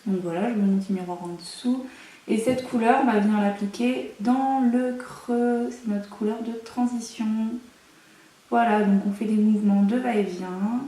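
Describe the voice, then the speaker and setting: A woman's voice: mid-range voice, normal speed, warm tone, far from the mic. Chatty young woman, echoey room. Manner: chatty, self-mocking asides. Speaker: beauty vlogger. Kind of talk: casual makeup tutorial. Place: room at home. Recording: echoey room, mic set away.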